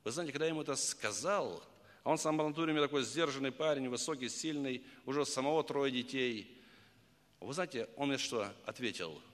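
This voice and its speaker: A middle-aged man preaching an emotional sermon, telling stories earnestly and rising to loud, fervent pleas. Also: medium pitch, a little fast, big-room sound. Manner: earnest storytelling, swelling to loud fervent pleading.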